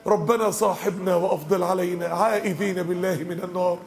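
A man's voice: high voice, fairly even intonation, quick pace. A man with an Egyptian accent giving an impassioned mosque lesson and speaking straight to his listeners. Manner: impassioned, addresses the crowd directly. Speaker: preacher.

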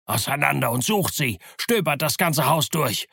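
A man's voice: medium pitch, moderate pace, sharp tone, no echo, studio quality. A man voicing a furious blind old pirate beggar who barks orders and curses his men. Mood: furious, commanding. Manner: barking orders, cursing.

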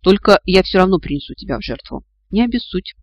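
A man's voice: high-pitched, animated, fast, no echo, lo-fi sound. A man voicing an awkward, fawning male sorcerer who apologizes politely while planning a sacrifice, in a storybook reading. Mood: wistful. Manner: ingratiating, sighing, apologetic.

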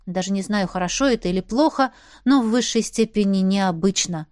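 A woman's voice: medium pitch, fairly quick, darkish tone, dry recording. Woman narrating a story, close and dry. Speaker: audiobook narrator. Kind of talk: first-person audiobook narration.

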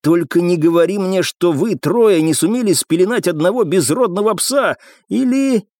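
A scheming officer in an audiobook, clipped and insinuating, his voice sliding into soft menace, as a male reader plays him. Close, dry sound with lively pitch. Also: moderate pace, no echo. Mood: irritated. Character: cold, scheming male captain and curator.

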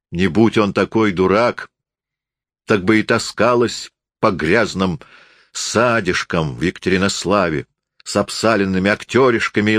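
A man reading a novel aloud as an audiobook narrator, in an expressive storytelling manner. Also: low-pitched, dry recording, clean studio sound. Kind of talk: scripted literary narration.

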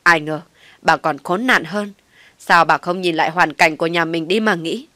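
A woman's voice: on the low side, steady tone, normal speed, dry recording, close to an everyday voice. A woman voicing an older man who scolds his wife in a roaring voice. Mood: furious. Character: furious old father-in-law, man shouting.

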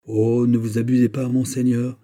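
A man's voice: medium pitch, little pitch movement, moderate pace, warm tone, pitched above the performer's own voice, natural voice. A man reading aloud, voicing a cautious male adviser who warns with insistent urgency. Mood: urgent. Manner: warning, insistent.

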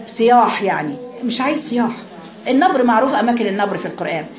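An Egyptian woman with a fairly high, expressive voice races through a tajweed lesson, patiently correcting her students and chanting the sounds herself as examples. Her Egyptian Arabic accent comes through in a roomy space filled with crowd noise.

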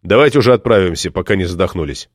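A stern doctor speaks curtly and dismissively, as the male reader drops to a lower voice. The delivery is clipped and guarded, in an audiobook recorded close and dry. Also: animated, rapid-fire, no room sound. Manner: curt, dismissive.

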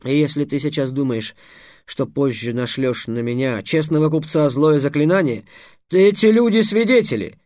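Мужчина-чтец озвучивает хитрого, жадного работорговца средних лет, который торгуется льстиво и с показным благочестием. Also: male voice, on the high side, normal speed, a little mellow, no room sound, clean studio sound, lightly acted. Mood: menacing. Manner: smooth, bargaining, mock-pious. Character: sly, greedy middle-aged male slave trader.

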